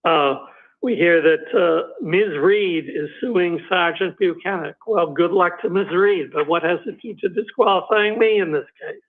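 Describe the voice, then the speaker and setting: A man arguing before a judge as a special prosecutor speaks at a high pitch and moderate pace, hesitating with many ums and uhs as his voice gives out. It's a courtroom argument heard over a video call, so the audio is tinny and phone-like.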